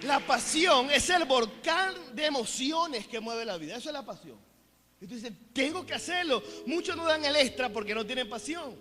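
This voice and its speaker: A man with a Venezuelan accent preaching a sermon as a pastor. He is energetic and joking, and often calls out to the congregation to keep them engaged. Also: very high-pitched, moderate pace. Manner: playful, mixes jokes into preaching. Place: church hall. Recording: echoey hall with faint music behind.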